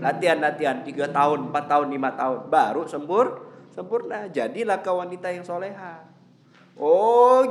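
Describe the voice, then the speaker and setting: A man giving a lively religious lecture, telling everyday stories and acting out quoted voices. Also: mid-range voice, a little hiss or hum. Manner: animated storytelling, acts out quoted voices. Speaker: preacher. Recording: echoey hall with faint ambience.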